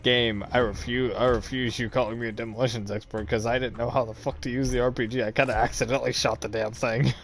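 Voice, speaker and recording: A man's voice: medium pitch, flat delivery, fast, hardly any pauses, fairly bright tone. A man hosting a chat show, telling a casual story, swearing freely and laughing at his own jokes. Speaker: host.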